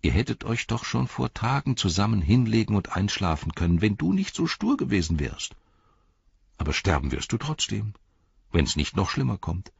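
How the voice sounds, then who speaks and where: A man's voice: lowish voice, big pitch swings, moderate pace, creaky, husky, dry recording, lo-fi sound, heavily acted. A man doing a scornful, gloomy inner voice. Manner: scornful, discouraging. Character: gloomy, mocking inner voice of a male hobbit.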